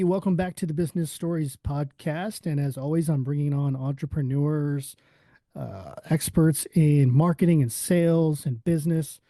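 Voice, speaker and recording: Mellow podcast host man, dry close sound. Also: on the high side, dry recording. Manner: friendly, conversational questions. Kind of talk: podcast interview hosting.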